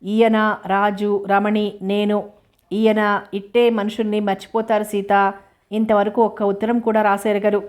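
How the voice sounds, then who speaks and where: A woman reading as a brisk, teasing woman doctor. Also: medium pitch, little pitch movement, a little mellow, natural voice.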